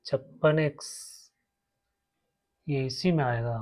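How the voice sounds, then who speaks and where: A man's voice: mid-range voice, slow, a little mellow. A man teaching a maths lesson, walking his students through each step and repeating terms as he writes. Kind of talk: slow blackboard maths lesson.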